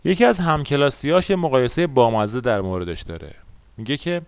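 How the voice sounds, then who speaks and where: Male podcast host, Iranian Persian accent, smooth clear delivery, conversational storytelling, very dry close sound. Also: medium pitch, expressive, no echo.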